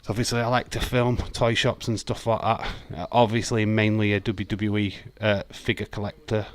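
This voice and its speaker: A livestream host from Yorkshire, England, with a broad accent, chats away during a casual live watch-along. His fairly low voice has little pitch movement and a normal speed, and he reads viewer comments aloud, swears, and uses lots of ums.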